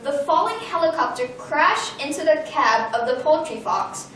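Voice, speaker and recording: High-voiced woman reading a storybook aloud. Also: normal speed. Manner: lively read-aloud with small slips. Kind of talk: reading a picture book aloud. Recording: very echoey room, far from mic, faint rumble.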